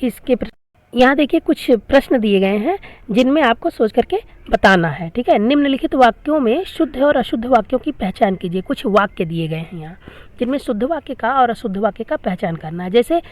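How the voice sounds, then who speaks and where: Higher-voiced woman teaching grammar patiently. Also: animated, brisk, darkish tone, no echo. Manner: patient, repeats each question and answer. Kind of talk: classroom grammar lesson.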